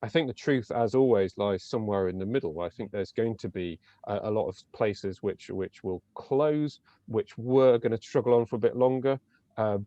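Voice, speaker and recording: A man moderating a panel discussion over a video call, speaking in a measured, hesitant way with fillers. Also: lowish voice, dark tone, no room sound, highs cut off.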